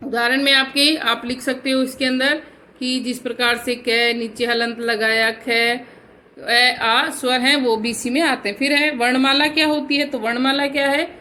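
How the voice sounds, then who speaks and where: A woman's voice: high-pitched, little pitch movement, measured pace, bright, forceful tone, slight background noise, poor audio. A woman teaching a Hindi grammar lesson. She explains each point step by step, asks her pupils questions and then answers them herself, and calls them "beta.". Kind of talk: recorded online class lesson.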